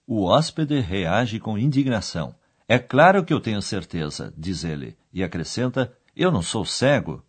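Husky, animated man presenting a radio course. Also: on the low side, moderate pace, hardly any pauses. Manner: didactic, clearly explaining. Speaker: radio language course host. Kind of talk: scripted educational narration.

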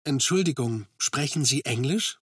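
A man models phrases for a language lesson in a mid-pitched, husky voice. He speaks very slowly and deliberately, and the recording is dry and close. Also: lively intonation, a bit bright, dry recording. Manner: slow, deliberate enunciation. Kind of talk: slow model pronunciation.

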